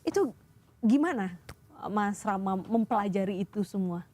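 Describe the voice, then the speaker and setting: A woman's voice: medium pitch, expressive, normal speed, darkish tone. A woman from Indonesia hosts a radio interview, asking questions and often murmuring short acknowledgments while her guest talks. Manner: responsive, many short "hmm" backchannels. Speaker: radio host.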